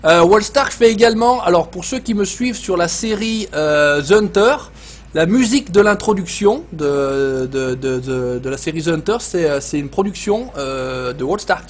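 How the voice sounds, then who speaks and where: A man's voice: fairly high pitch, animated, normal speed, slight background noise. A man with a Savoyard French accent hosting a casual live gaming stream, swearing often, joking and reading chat messages aloud.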